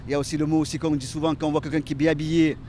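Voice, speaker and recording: A man's voice: little pitch movement, very fast, a little mellow. A man with a Marseille accent, chatting casually as a street interviewee. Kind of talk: casual vox pop. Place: outdoors on a city street. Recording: noisy street with rumbling traffic, honking.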